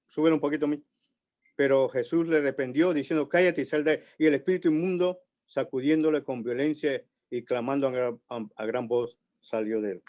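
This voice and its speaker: A man preaching a sermon in a church, slow and emphatic, building on repeated phrases. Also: mid-range voice, fairly even intonation, dark tone. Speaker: pastor.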